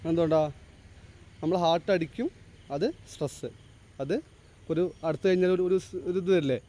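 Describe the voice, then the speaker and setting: A male teacher giving a classroom lecture, explaining step by step, quizzing his students and reading English lines slowly and deliberately. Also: fairly high pitch, warm tone. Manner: explains, then asks the class to answer.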